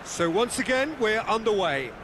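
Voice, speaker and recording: A male football commentator with a high, animated voice that swoops up and down as he calls the play. The broadcast is heard through game audio with clear street and traffic noise beneath it. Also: normal speed. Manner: lively, building to excited calls.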